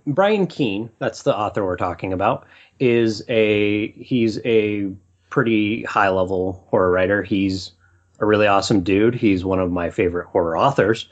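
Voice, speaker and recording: A man co-hosting a movie podcast, telling stories in a rambling, animated way. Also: fairly low pitch, normal speed, dull audio. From Utah. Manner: rambling storyteller, animated when excited. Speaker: podcast co-host. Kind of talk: casual podcast chat. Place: Portland, Oregon.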